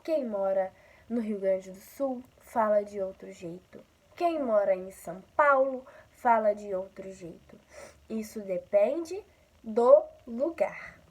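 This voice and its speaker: Slow, patient Carioca woman teacher. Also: mid-range voice, lively intonation, breathy edge, rough recording. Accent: Carioca Brazilian Portuguese. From Rio de Janeiro, Brazil. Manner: slow, patient, often checks in with "né?". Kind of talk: explaining a school lesson.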